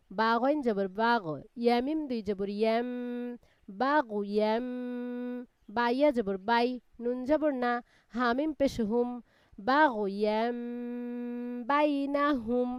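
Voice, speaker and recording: Clear, high-voiced woman teaching Quran reading. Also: no room sound. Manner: spells out letters and reads them slowly, explaining rules patiently. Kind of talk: live online Quran reading class.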